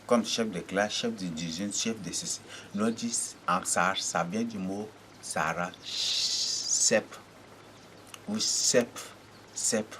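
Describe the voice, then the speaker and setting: Slow low-voiced male preacher. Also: pushed and bright, slight background noise. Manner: halting, repeats words, asks rhetorical checks. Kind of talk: teaching sermon on names.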